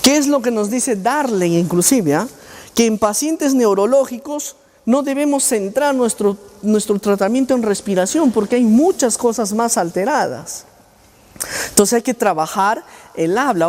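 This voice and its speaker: A man's voice: high voice, a little mellow. A middle-aged man giving a university lecture, often firing rhetorical questions at his audience. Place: lecture hall. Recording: long hall reverb.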